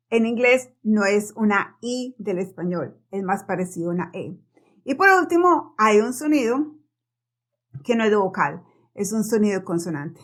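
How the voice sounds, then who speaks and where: A woman whose first language is Spanish gives a relaxed pronunciation lesson, her voice getting a little worn. She talks in a chatty way, repeats her examples and keeps checking in with a quick "ok?". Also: medium pitch. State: losing her voice. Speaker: English pronunciation teacher. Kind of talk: casual spoken lesson.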